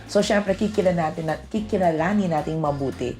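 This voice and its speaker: A woman's voice: fairly low pitch, brisk, faint music behind. A Filipina woman hosting a casual interview in a motherly, teasing way. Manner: warm motherly teasing, calls guest "anak". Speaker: host.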